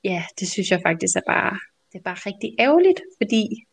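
Woman co-host with a mid-pitched voice, telling stories in a chatty way with frequent laughs. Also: gravelly, breathy edge. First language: Danish. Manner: chatty, animated, laughs often. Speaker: podcast co-host. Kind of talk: casual conversational storytelling.

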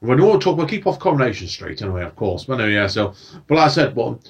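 A man's voice: mid-range voice, sing-song, fast talker, slightly rough, recorded from a distance. A man hosting a casual chat about films and TV, asking questions and sometimes mixing up his words. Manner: chatty, loses his words, asks questions. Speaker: podcast host.

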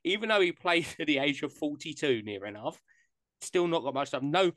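A man's voice: on the high side, lively intonation, moderate pace, fairly bright tone, no echo. Chatty man, dry close sound. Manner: chatty, jokey, rambling. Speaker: podcast host. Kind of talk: casual podcast chat.

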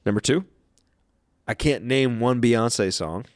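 A man's voice: medium pitch, slow pace, no echo, studio quality. A hungover man chatting casually as a podcast co-host, blunt and freely swearing. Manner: blunt, profane. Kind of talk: casual opinionated chat.

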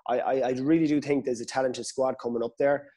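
A man's voice: medium pitch, steady tone, fast, mellow. Of man thinking aloud. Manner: hesitant, repeats words as he thinks aloud. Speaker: podcast guest, Gaelic football pundit. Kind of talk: casual sports discussion.

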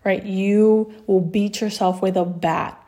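A woman talking on her own podcast in a relaxed, conversational way. She often checks in with "right?" and laughs easily. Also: medium pitch, slow pace. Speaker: podcast host. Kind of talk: solo podcast talk.

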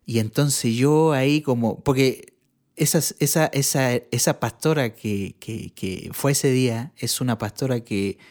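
Man, from Chile, church bassist, casual storytelling, acts out quoted people, middle pitch. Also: a little slow, darkish tone. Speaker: guest sharing his testimony; church bass player.

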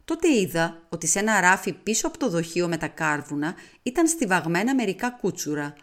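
A woman reading a detective novel aloud as an audiobook, in a measured, expressive way. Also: lowish voice. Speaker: audiobook reader. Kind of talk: audiobook narration.

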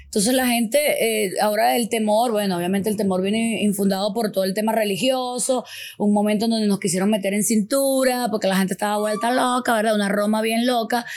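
A woman in casual podcast chat as a guest sex educator, telling animated stories, laughing often and acting out quotes. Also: medium pitch, a little fast.

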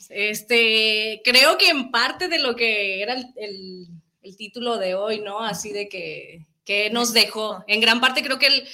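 A woman's voice: a little high, sharp tone. A woman from Mexico, a taekwondo teacher, chatting casually as a guest on a show and laughing often. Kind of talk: casual chat.

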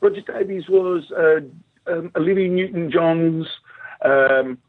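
A middle-aged man with a broad Australian accent and a husky voice, chatting casually and telling anecdotes as an animated interview guest. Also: on the high side, unhurried, no echo. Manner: animated storytelling, acts out quoted remarks. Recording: tinny phone-like line.

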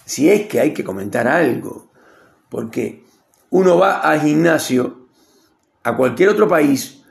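A man's voice: a little high, lively intonation, slow, vocal fry. A man with a Rioplatense accent giving a rambling, opinionated casual monologue and acting out quotes. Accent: Rioplatense Spanish. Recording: echoey room.

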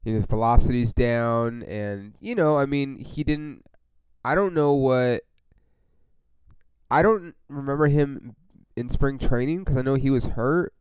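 A man's voice: mid-range voice, unhurried, darkish tone, clear, resonant tone, no echo, poor audio. A man hosting a casual solo sports podcast, rambling and swearing with lots of fillers as a frustrated fan. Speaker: podcast host.

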